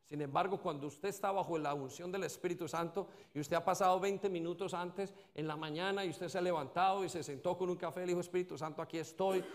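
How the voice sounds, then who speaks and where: A man's voice: high-pitched, fairly even intonation, quick pace, hardly any pauses. A male pastor preaching a sermon, leading the congregation in call-and-response and acting out the excuses of doubters.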